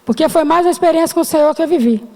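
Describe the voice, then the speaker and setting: High-voiced woman testifying in a reverberant church. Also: racing, darkish tone. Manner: emotional, addresses listeners as brothers and sisters. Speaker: church member giving testimony. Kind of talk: personal testimony to a congregation. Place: church hall. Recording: long hall reverb.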